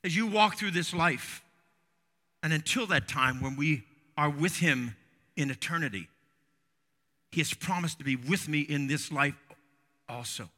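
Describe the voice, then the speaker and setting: A man's voice: a little high, measured pace, pauses often, bright, forceful tone. A man preaching an earnest sermon that builds to fervent emphasis. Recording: long hall reverb.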